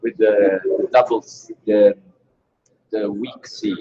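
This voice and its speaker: A man's voice: lowish voice, flat delivery, takes it slowly, mellow, lo-fi sound. A man with a Roman Italian accent chatting casually and hesitantly, searching for his words. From Italy. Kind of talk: casual chat.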